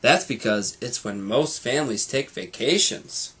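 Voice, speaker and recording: A man's voice: mid-range voice, lively intonation, unhurried, fairly bright tone, breathy edge. A man voicing a cheerful, kindly cartoon mouse uncle with an upbeat, reassuring manner, from a storybook.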